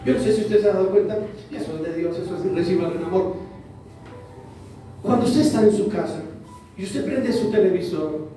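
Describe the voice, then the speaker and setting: A pastor gives a sermon to his congregation in a church hall, using repeated phrases to drive his points home. His high-pitched voice is mellow. The recording has a little hiss or hum and is very echoey, capturing him from a distance.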